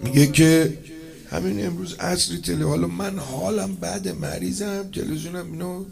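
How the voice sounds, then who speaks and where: A man giving an emotional religious mourning sermon to poets and eulogists. He swings from low murmurs to loud, impassioned cries and stretches his phrases for emphasis. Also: gravelly, a crowd in the background. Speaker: preacher addressing poets and eulogists.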